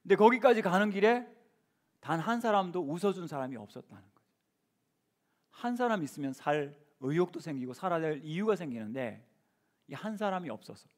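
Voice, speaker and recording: A middle-aged man preaching a sermon in a church, acting out short quoted lines in an animated voice. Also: sits high, fairly quick. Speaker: pastor. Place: church sanctuary.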